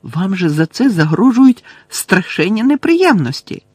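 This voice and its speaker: A man's voice: big pitch swings, unhurried, a little mellow, breathy edge, no room sound, clean studio sound, heavily acted. A man voicing a clever teenage schoolgirl who talks nervously and urgently. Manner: nervous, urgent, raised pitch.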